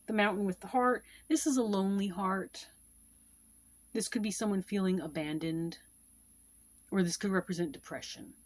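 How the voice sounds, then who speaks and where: A woman's voice: medium pitch, normal speed, pauses often. A woman casually teaching card-reading meanings, repeating each point with fillers and asides. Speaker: tarot and Lenormand card reader teaching. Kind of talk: casual instructional explanation.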